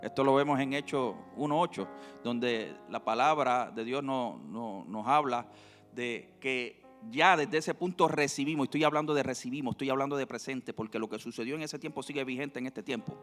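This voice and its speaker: A man's voice: mid-range voice, normal speed. Emphatic preacher man in echoing church. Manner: emphatic preaching with swings between loud and soft. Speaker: pastor. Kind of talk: sermon. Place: church sanctuary. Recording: reverberant hall with faint music.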